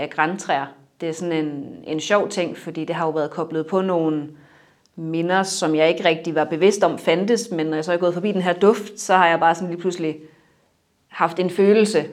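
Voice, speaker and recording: A young adult woman in a personal interview, reflective and halting, her sentences trailing off softly. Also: sits low.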